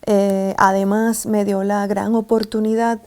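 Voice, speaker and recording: Soft-toned Puerto Rican woman, unhurried and hesitant. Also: medium pitch, flat delivery. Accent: Puerto Rican Spanish. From Puerto Rico. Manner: measured, with many hesitant fillers. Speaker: writer and poet. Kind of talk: conversational interview answer.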